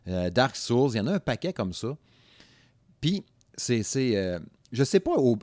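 A man's voice: mid-range voice, dry recording. A man from Saguenay with a Québécois French accent, hosting a casual podcast chat, talkative and laughing easily, with lots of fillers. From Saguenay, Quebec. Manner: chatty, laughing, colloquial with many fillers. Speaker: podcast host.

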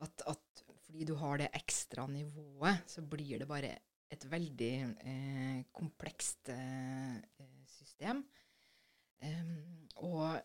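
A woman's voice: deep voice, fairly even intonation. A woman co-hosting a conversational podcast, explaining things thoughtfully with frequent hesitations. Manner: thoughtful, hesitant with many fillers. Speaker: podcast co-host.

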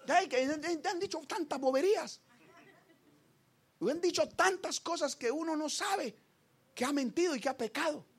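A man preaching a sermon with passion, repeating phrases for emphasis and swinging from quiet talk to shouting. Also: very high voice, breathy edge.

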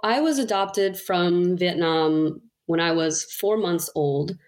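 Woman guest, lowish voice, casual candid storytelling. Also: slow pace, a little mellow. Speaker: podcast guest. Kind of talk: personal storytelling interview.

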